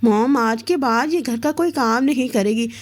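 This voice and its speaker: A woman voicing a caring, quick-tempered young husband in a romance novel reading, firm and protective. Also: fairly high pitch, lightly acted.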